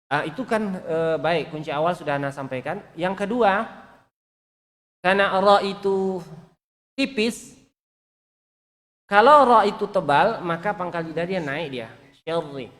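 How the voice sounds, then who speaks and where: A man's voice: high-pitched, unhurried, pauses often, a bit bright. A man teaching Quran recitation, patiently repeating sounds for students to copy. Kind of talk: online recitation class. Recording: long reverb.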